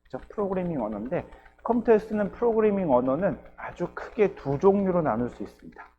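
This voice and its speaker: A university lecturer with a high-pitched voice and big pitch swings speaks a little fast in a recorded programming class. He patiently explains each step, often checking in with "ye" and "geujyo," and the recording's highs are cut off.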